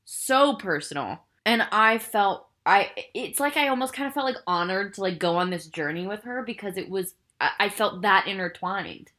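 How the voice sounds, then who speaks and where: A woman's voice: medium pitch, normal speed, few pauses, bright, forceful tone. A woman hosting a casual film review podcast, chatty and rambling with lots of "like" fillers, earnest and emotionally invested in what she describes. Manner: chatty and rambling, heavy use of "like" and "I think". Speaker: podcast host.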